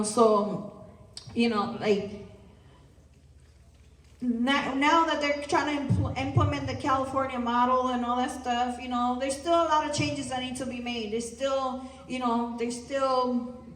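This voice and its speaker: A woman giving a public talk and answering questions, earnest and full of "you know" fillers. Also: a little high. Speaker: guest speaker. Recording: roomy distant live recording.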